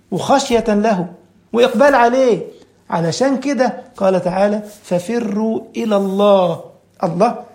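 A man with an Egyptian Arabic accent preaching a sermon, asking his listeners rhetorical questions and reciting scripture slowly and deliberately. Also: high voice.

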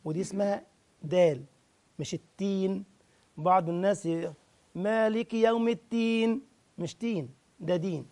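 A man with an Egyptian accent teaching Quran recitation, drawing out the verses slowly and breaking into quick, chatty corrections. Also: high voice, steady tone, darkish tone, soft background music. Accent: Egyptian Arabic. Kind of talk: tajweed lesson with slow demonstrations.

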